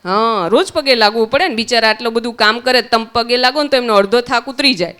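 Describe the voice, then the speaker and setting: A woman's voice: on the high side, quick pace, a bit bright, clear, resonant tone. A woman with a Gujarati accent, teaching young children at a summer camp, asking them questions and answering them herself. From Gujarat, India.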